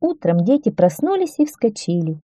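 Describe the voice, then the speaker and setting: A woman narrating a children's story aloud, calm and steady. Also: a little high, normal speed, no echo.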